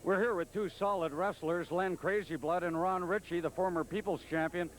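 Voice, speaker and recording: A man interviewing wrestlers and giving measured commentary on a 1989 TV broadcast. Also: high voice, steady tone, poor audio.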